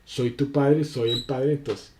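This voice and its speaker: A man teaching a recorded spelling lesson, explaining at a halting pace with many fillers and restarts. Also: mid-range voice, steady tone, darkish tone, a little hiss or hum.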